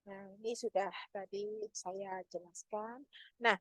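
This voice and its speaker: A woman's voice: medium pitch, steady tone, slow, a bit bright. A woman gives a patient online lesson to parents, explaining step by step with many fillers and speaking straight to the mothers watching. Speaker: parenting educator.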